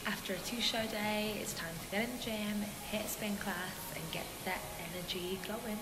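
A woman in her twenties, a vlogger and pantomime performer, chats casually to a camera or phone held at arm's length while going about her day. Her intonation is fairly even and her speed normal. The low-quality handheld recording has loud music over it, plus background ambience and traffic rumble.

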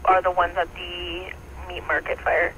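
A man's voice: high voice, completely flat delivery, measured pace. A man working as a fire dispatcher, heard over a two-way radio and giving calls in clipped, procedural radio phrasing. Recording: muffled radio audio with loud static.

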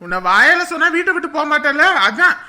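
A woman voicing an angry, bullying middle-aged husband and father who scolds, threatens and shouts. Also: high voice, big pitch swings, quick pace, exaggerated voice. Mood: scolding. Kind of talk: dramatic story voice acting.

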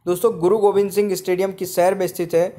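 Quick and warm, a high-voiced man with little pitch movement narrates a general-knowledge quiz over slides. He addresses the audience as friends, repeats every question, and then supplies the right answer.

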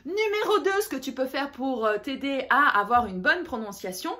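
High-voiced French woman teaching Italian. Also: moderate pace. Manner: lively, emphatic, talks straight to the viewer. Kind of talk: online language lesson.

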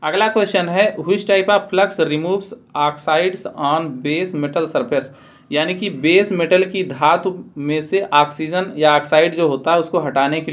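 A man teaching a trade quiz, reading out each question and its options, then giving the answer with a careful explanation. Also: fairly high pitch. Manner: methodical, repeats each answer with a Hindi explanation. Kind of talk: quiz-style lesson, reading questions aloud.

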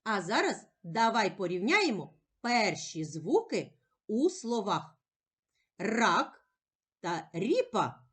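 A woman teacher giving a slow, clear reading lesson to young children, stretching out the sounds in a sing-song way. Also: on the high side. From Ukraine.

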